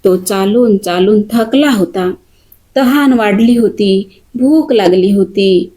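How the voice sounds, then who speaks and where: A woman narrating a story in a deliberate, dramatic storytelling manner. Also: medium pitch, warm tone.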